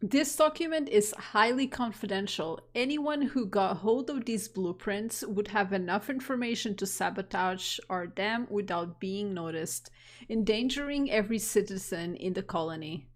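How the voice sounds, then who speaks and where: A woman's voice: mid-range voice, moderate pace, lightly acted. A woman reading an alarmed male colony official. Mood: grave. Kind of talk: reading game dialogue aloud.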